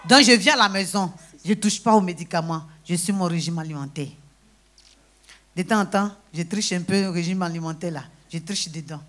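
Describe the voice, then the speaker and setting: A woman giving a lively personal testimony in church, breaking into praise exclamations and acting out conversations. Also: fairly low pitch, fairly quick. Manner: exclaims praise, acts out dialogue.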